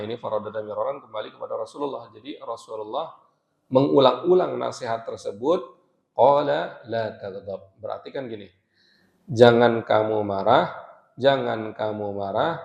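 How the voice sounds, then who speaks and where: A man's voice: mid-range voice, vocal fry, reverberant, muffled recording. A man teaching a religious study session, explaining step by step with rhetorical questions and a habit of adding "ya" after each point. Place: mosque during a retreat.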